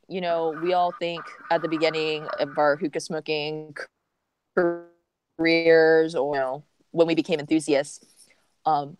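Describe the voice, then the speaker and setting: A woman's voice: low-pitched, darkish tone, smooth, no echo. A woman joining a livestream over a remote call as a guest, giving frank opinions and thinking aloud with many fillers. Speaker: guest co-host. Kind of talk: casual livestream chat.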